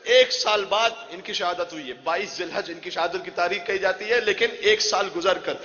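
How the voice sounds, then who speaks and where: A man preaches a mourning sermon in a high, bright voice. He tells the story with passion, and the emotion builds as he goes. His words echo through a large hall with a long reverb, captured on a dull, lo-fi recording. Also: steady tone. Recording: echoey hall, dull lo-fi sound.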